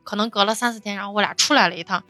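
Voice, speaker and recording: Brief: young woman, quick and bright, storytelling, dry close sound. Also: mid-range voice, dry recording, soft background music. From Xi'an, China. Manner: animated, laughing, quotes others in dialogue. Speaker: storyteller on a podcast panel. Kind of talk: casual chat.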